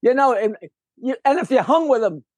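Older guy with a fairly high voice, rambling comic storyteller, dry close mic. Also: moderate pace, no room sound. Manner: lively, rambling storyteller who breaks off and restarts with a laugh. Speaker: guest comedian. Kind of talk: casual storytelling interview.

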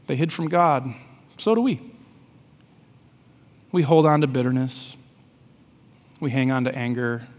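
A man in his thirties preaching a sermon as pastor, swinging between hushed softness and loud emphasis. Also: mid-range voice. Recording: long reverb of a large hall.

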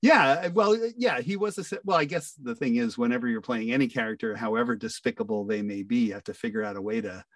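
An older American man from the northeastern United States chats casually as an interview guest, sounding hesitant and self-deprecating; he's an amateur who became a voice actor. His mid-range voice moves fast with few pauses. He sits far from the mic, and there's a bit of hiss or hum.

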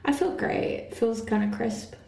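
A woman's voice: a little high, normal speed, creaky, darkish tone. A woman co-hosting a church podcast in casual chat, laughing often. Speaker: podcast co-host. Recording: roomy echo.

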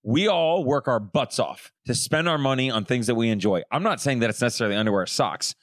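A man's voice: medium pitch, expressive, quick pace, no echo. A man co-hosting a casual podcast, playful and wisecracking as he tells stories. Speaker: podcast co-host. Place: home room called Florida room.

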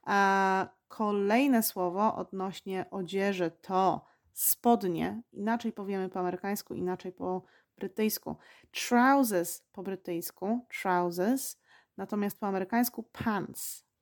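A woman hosting a podcast lesson, speaking slowly and patiently and repeating each word for learners. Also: mid-range voice, fairly even intonation. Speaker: English teacher and podcast host.

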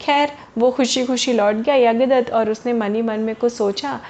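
A woman's voice: fairly high pitch, fairly even intonation, normal speed, darkish tone, slight background noise. A woman storyteller narrating a moral tale to children in a chatty manner, speaking directly to the young listeners. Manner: chatty, addresses listeners as kids. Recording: dull lo-fi recording.

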